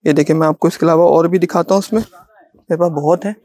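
A man's voice: fairly high pitch, steady tone, fast, darkish tone, dry recording. Man with a Pakistani Urdu accent, selling coats. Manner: repetitive, insistent salesman patter. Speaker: shopkeeper. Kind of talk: sales pitch to a vlogger. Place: small indoor clothing shop.

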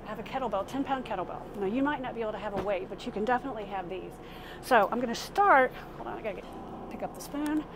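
A woman with a slightly high voice leads a casual exercise demonstration. She gives informal instructions while moving through the exercises herself. The recording is made inside a small RV, with clearly audible vehicle-like background noise. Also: fast. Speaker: fitness instructor. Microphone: camera a few steps away. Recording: clearly noisy vehicle interior sound.

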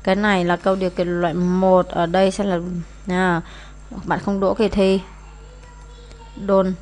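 This exam answer walkthrough comes from a woman teacher whose first language is Vietnamese; she explains in it while reading English phrases out for the class. Her ordinary mid-pitched voice often stalls on hesitant fillers.

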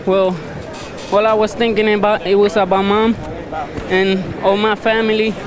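A young man of eighteen, an amateur boxer, talks off the cuff after a fight. His voice is high for a man, picked up on a handheld mic amid crowd noise. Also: flat delivery, normal speed. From Pennsylvania, United States. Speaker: amateur boxer being interviewed. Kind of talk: spontaneous post-fight interview. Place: ringside in arena. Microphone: handheld TV interview microphone. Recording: ringside with clear crowd noise.

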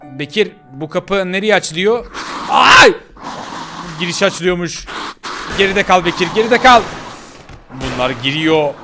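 A man's voice: high voice, animated, measured pace, pauses often, over music. A man voicing a brave, determined young girl in a game role-play, bossy and urgent as she scolds her companion.

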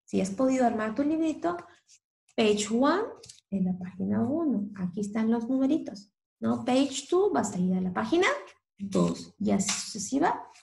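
A woman teaching English to Spanish speakers, reading a picture book aloud slowly and expressively and translating each line. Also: on the high side, vocal fry, echoey room, rough recording. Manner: slow, exaggerated, expressive reading with Spanish explanations.

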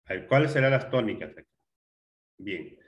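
A male teacher giving a classroom grammar lesson, explaining step by step, repeating words and often checking with a quick question. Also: lowish voice, expressive.

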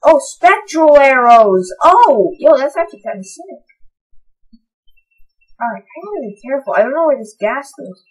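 A young woman giving casual, excitable commentary on her own gameplay, sometimes breaking into high, delighted shouts. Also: moderate pace, rough recording. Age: young adult. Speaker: gaming channel host.

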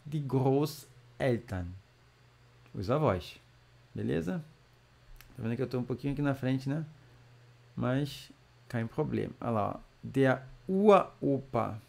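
A man teaching German vocabulary in a casual lesson, drawing out each word slowly between chatty asides. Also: mid-range voice, creaky, dark tone. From Brazil. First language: Portuguese. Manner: slow, drawn-out model pronunciation with chatty asides.

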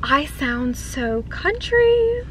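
A young woman who vlogs about food talks from her car to a dash-mounted camera, her light Southern accent marking her as from North Carolina. She's high-pitched and sing-song, drawing out words in a slightly bright tone, rambling with plenty of "like" over a little hiss or hum.

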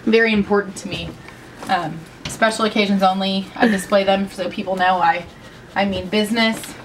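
A woman's voice: mid-range voice, steady tone, moderate pace. A young woman with a bubbly, joking sorority-girl manner, giving a casual room tour on a handheld camera. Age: young adult. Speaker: vlogger. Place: small bedroom and bathroom indoors. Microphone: handheld camera at a short distance. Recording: noisy camera audio, room ambience.

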